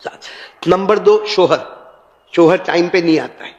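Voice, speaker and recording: Older preacher with a high gravelly voice. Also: male voice, dull audio. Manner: storytelling, swings up to high impassioned calls and down to soft asides. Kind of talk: emotional Islamic sermon. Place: large mosque gathering. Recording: reverberant hall sound.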